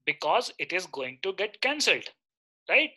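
Indian accent guy teaching online class, sharp bright voice, keeps asking quick questions to check. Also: high-pitched, very animated. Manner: instructive, checks with short repeated questions. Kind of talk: live interactive lecture.

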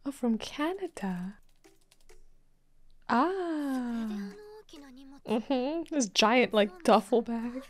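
A young woman hosting an anime reaction, gushing with excitable, giggly comments and gasps. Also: a little high, very slow, long pauses.

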